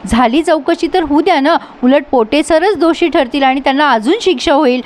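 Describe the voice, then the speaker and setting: A woman's voice: high voice, normal speed, darkish tone, lightly acted. A woman voicing an earnest, trusting young woman in a story recap.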